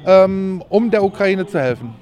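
A man's voice: high voice, animated, a little slow, a little mellow. A man working as a reporter, asking direct, probing questions in a street interview.

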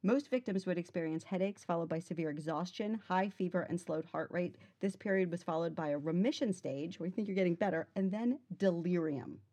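Female co-host, lowish and soft-edged, mellow tone, casual banter, dry close sound. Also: brisk, hardly any pauses, no room sound. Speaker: podcast co-host. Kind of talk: casual banter and sharing facts.

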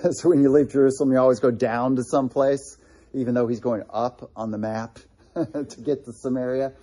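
A man's voice: medium pitch, fairly even intonation, moderate pace, dark tone, breathy edge. A man teaching a casual Bible study, talking conversationally with many fillers and restarts while pointing out places on a map.

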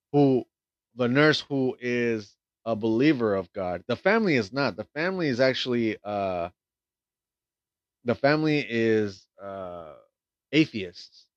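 A lower-voiced man talks through a movie plot in loose, meandering chat, full of ums, restarts and casual swearing. The sound is dull and lo-fi, with a dry, close feel and no room around it. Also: no room sound. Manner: rambling, profane, many fillers and restarts. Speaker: film reviewer. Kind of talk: casual film review recap.

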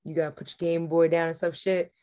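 A woman's voice: sits low, level tone, fast, dark tone. A woman co-hosting a podcast, chiming into a casual TV recap with slangy, joking asides. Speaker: podcast co-host.

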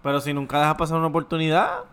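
Man, slightly high smooth voice, teasing podcast co-host. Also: flat delivery, rapid-fire, fairly bright tone. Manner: teasing, needling. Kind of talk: casual chat, teasing questions.

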